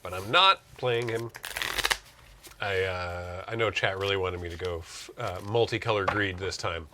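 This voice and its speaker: A man's voice: sits low, normal speed, noisy background. A man casually commentating on a card game with chatty, jokey asides.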